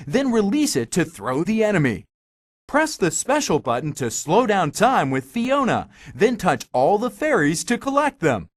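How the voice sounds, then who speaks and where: Helpful magic mirror, theatrical game guide, very animated swooping delivery, slightly husky, instructive. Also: male voice, fairly high pitch, no room sound, clean studio sound, heavily acted. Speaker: game character giving tutorial hints. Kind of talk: scripted video game hint narration.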